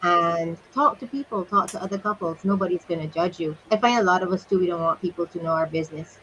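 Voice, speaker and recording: A woman's voice: fairly low pitch, fast, a bit bright. A woman hosting a casual talk, speaking earnestly and thoughtfully from her own experience. Her recording sounds slightly dull and lo-fi, with faint noise behind her. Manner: earnest, reflective, sharing personal experience. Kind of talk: casual conversation.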